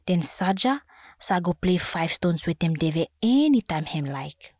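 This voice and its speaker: Solomon Islands woman telling a story, slightly husky. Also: fairly low pitch, big pitch swings, a little slow, darkish tone, no room sound, studio quality.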